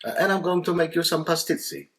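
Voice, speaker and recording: A sly, hospitable older Maltese father, pitched higher and punchier than the teller's usual talk, as a man puts him on. He leans on his lines with teasing emphasis. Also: steady tone, fast, vocal fry, fairly bright tone. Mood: insistent. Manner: teasing storyteller's put-on voice.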